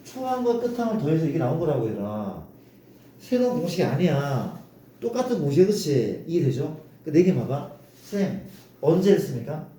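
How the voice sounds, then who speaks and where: Man, math teacher, classroom lecture, dark mellow tone, very echoey room, far from the mic. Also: a little high, sing-song, brisk. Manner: coaxing, keeps asking students to confirm. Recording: echoey room, distant mic, faint noise.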